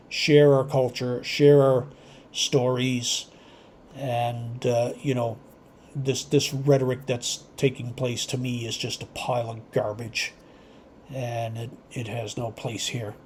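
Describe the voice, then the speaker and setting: In a clear recording with a steady hum of background noise, a man at medium pitch addresses his amateur radio channel's subscribers. He rambles casually, hesitating and musing without any script.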